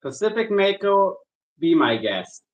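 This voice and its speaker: A man's voice: sits high, big pitch swings, poor audio. Easygoing man chatting while working. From Germany. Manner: easygoing, halting, with restarts and repeated words. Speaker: shark angler answering viewer questions. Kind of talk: casual livestream chat while working.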